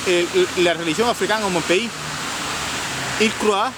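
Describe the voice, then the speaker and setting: Male, high-pitched, foreign Cuban Spanish accent in French, native Spanish speaker. Emphatic repetitions, halting phrasing, casual chat over clear outdoor traffic noise. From Cuba. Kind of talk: casual street discussion. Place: outdoors in a city. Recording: noisy outdoor urban street with traffic.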